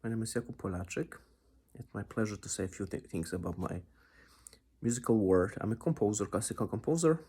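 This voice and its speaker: A composer from Poland with a Polish accent introducing himself in a halting, restarting way, often searching for words. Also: male voice, on the low side, warm tone, breathy edge. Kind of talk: self-introduction monologue. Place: home studio.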